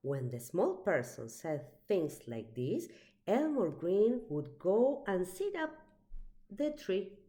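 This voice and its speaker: In a medium-pitched voice, a woman reads from a children's picture book, narrating the tale expressively and at a deliberate pace.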